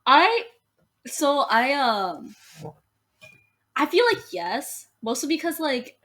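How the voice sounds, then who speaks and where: A woman's voice: high voice, very animated, slow pace, fairly bright tone. Chatty young woman, rambling and self-deprecating. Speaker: podcast co-host. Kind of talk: casual chat.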